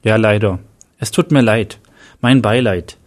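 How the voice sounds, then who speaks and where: A man voicing a loyal male colleague, practical and quick-tempered, who speaks briskly and matter-of-factly. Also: lowish voice.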